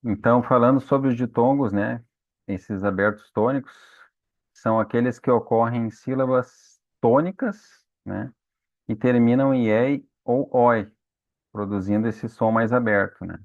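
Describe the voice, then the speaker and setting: A man's voice: medium pitch, fairly even intonation, a little slow, dry recording. A man teaching a patient grammar lesson, checking in with his students again and again. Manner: patient, frequent "né?" and "tá?" check-ins. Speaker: Portuguese teacher. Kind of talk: explanatory lesson. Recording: dry, phone-like lo-fi sound.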